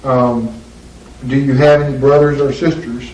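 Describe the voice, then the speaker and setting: A male attorney in a deposition, recorded courtroom-style, asking formal questions in a deliberate, measured way with frequent pauses. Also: mid-range voice, little pitch movement, darkish tone, lo-fi sound. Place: deposition room. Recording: roomy echo, distant mic, faint hiss.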